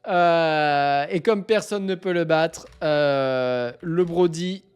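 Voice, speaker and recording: A man chatting on a live stream, excitable, stammering and repeating himself as he keeps breaking into laughter. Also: a little high, slow, clear, resonant tone. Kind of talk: casual live-stream chat.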